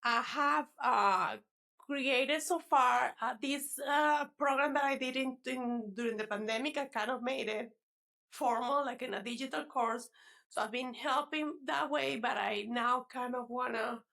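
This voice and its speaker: Speaking unhurriedly in a high, creaky voice with a sharp tone, a woman from Venezuela talks about her fitness coaching as an interview guest. She's a native Spanish speaker with a Venezuelan accent, and her casual, chatty delivery is full of laughter and restarted words.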